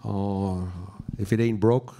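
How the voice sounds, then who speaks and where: A man's voice: fairly low pitch, fairly even intonation, takes it slowly, warm tone. A man, a medical specialist explaining things in plain everyday words as part of a panel. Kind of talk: plain-spoken expert explanation.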